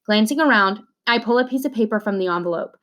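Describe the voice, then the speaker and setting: A woman reads a children's novel aloud expressively, performing the dialogue as she goes, in a mid-range voice at a fast clip.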